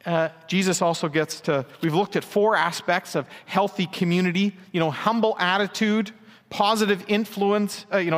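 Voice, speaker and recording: A man's voice: a little high, fairly bright tone, big-room sound. A male pastor, preaching a conversational sermon with asides and dry jokes.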